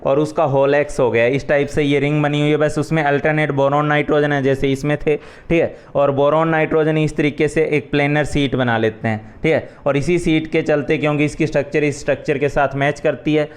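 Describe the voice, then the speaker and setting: Smooth-voiced male chemistry teacher. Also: on the high side, flat delivery, fairly quick, few pauses. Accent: Hindi. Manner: explains step by step, repeats "ठीक है" often. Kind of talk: exam revision lecture.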